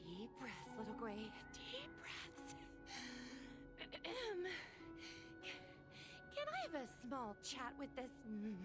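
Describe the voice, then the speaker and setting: An actress voicing an excitable young woman who hunts ghosts in a game, eager and wide-eyed. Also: sits high, takes it slowly, long pauses, heavily acted. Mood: nervous polite. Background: game music.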